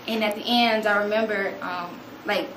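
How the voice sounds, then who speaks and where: A young woman gives an animated storytelling talk to an audience, acting out quotes in a higher voice. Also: normal speed. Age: young adult. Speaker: student speaker. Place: room with an audience. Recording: echoey room, noticeable background noise.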